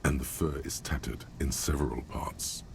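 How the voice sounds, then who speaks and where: Brief: a wry game narrator, very deep and gravelly, dry and knowing. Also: male voice, fairly even intonation, normal speed, a little hiss or hum.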